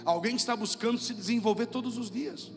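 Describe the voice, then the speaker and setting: A pastor with a Brazilian Portuguese accent delivers an emphatic sermon, repeating phrases and calling on the congregation to say them back. His voice sits high for a man. It rings through a reverberant church hall, with soft music playing underneath. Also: fast talker. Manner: emphatic, repetitive preaching with calls to the congregation.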